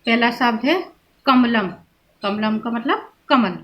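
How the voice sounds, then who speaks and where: A woman teacher slowly explaining vocabulary to schoolchildren, patiently repeating each word before giving its meaning. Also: fairly high pitch, animated, fairly bright tone. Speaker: Sanskrit teacher.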